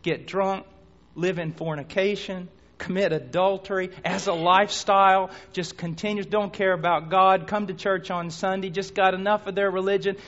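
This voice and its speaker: A man preaching a sermon, telling a dramatic story that swings between hushed near-whispers and shouts. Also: sits high, steady tone, moderate pace. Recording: dull lo-fi recording.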